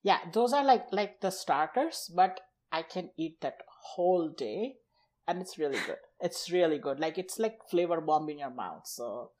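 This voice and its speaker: With lively intonation and a moderate pace, a man with a slightly high, darkish voice chats casually on a podcast. He speaks Gujarati natively and has an Indian accent, explaining and listing things in short, somewhat incomplete phrases.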